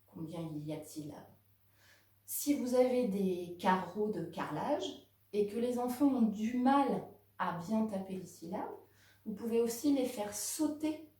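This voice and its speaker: A woman teaching a home lesson to young children, speaking slowly and clearly to the kids and their parents. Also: fairly high pitch, warm tone. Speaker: kindergarten teacher. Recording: very echoey room, voice from a distance.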